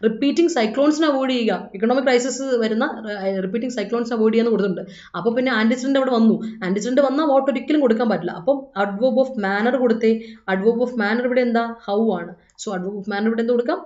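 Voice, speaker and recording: A woman's voice: on the high side, fast talker, a little mellow. A woman with a Malayali accent teaching an English exam class live online, chatty and coaxing her students. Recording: echoey room, dull lo-fi sound.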